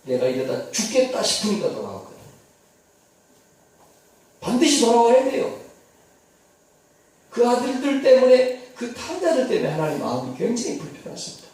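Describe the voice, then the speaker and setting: A male pastor telling a sermon story dramatically, swinging from hushed to loud. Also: extremely high pitch, wildly swooping pitch, normal speed, pauses often. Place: church sanctuary. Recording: echoey church hall, distant mic.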